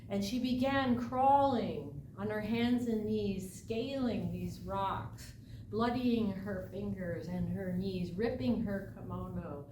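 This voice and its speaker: A woman telling a folk tale aloud as a live storyteller, dramatic and deliberate, with emphatic phrases and pauses. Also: mid-range voice. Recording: echoey, distant mic, noisy room ambience.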